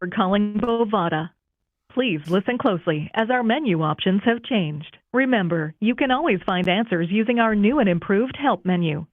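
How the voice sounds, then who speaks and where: A woman's prerecorded phone menu plays over a phone line in a polished, steady announcer delivery. The audio is thin and tinny, with a close, dry sound. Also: mid-range voice, normal speed, dry recording. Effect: heard over a phone line. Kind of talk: recorded customer service phone menu.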